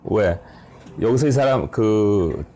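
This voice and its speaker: A man's voice: lowish voice, lively intonation, slow pace, dark tone. A middle-aged man giving a conversational Bible study seminar, explaining step by step, often checking in with his listeners and correcting himself mid-word.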